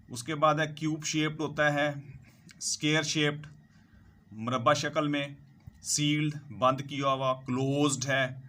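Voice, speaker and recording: Going through slides, a male English teacher explains word meanings and reels off synonyms one by one, often saying "ठीक है जी" in this slow vocabulary lesson. His voice is medium-pitched with a sharp edge, and there's slight background noise.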